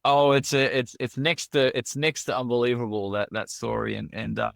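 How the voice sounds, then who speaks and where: A man's voice: medium pitch, little pitch movement, normal speed, vocal fry, no room sound. Aussie guy on a podcast, earnest, lots of you knows, dry sound. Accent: Australian. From Australia. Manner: earnest, with frequent fillers and repeated words. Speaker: restaurant founder, guest. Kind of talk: casual podcast interview.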